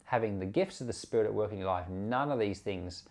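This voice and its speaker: Lowish and a little mellow, this preacher's voice runs a bit fast as he offers informal commentary on scripture for his Bible podcast. Earnest and conversational, he repeats and rephrases what he says to drive his points home.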